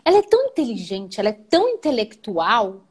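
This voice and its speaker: Animated Brazilian woman telling her story. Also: fairly quick, husky. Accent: Brazilian Portuguese. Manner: animated, with frequent "né?" tags and sudden jumps up in pitch. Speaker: guest. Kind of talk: emotional personal storytelling in a live interview.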